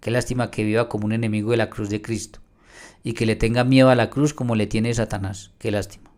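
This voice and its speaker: A man's voice: on the low side, level tone, fast talker, darkish tone. A man teaching from the Bible in a video response. He reads verses aloud with emphasis and argues directly with another pastor. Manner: addresses a rival pastor directly.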